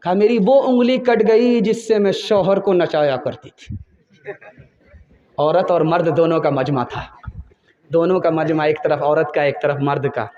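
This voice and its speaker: A man's voice: fairly high pitch, steady tone, darkish tone, reverberant, lo-fi sound. A male Islamic preacher with an Indian Urdu accent, giving a sermon full of parables and telling his listeners emphatically to listen closely. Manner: emphatic storytelling, urging listeners to pay attention.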